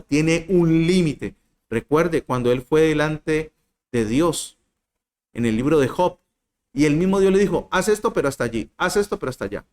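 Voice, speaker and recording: A man preaching a sermon to a group, asking them questions and swinging between loud emphatic lines and soft low ones. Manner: addresses listeners directly, asks rhetorical questions.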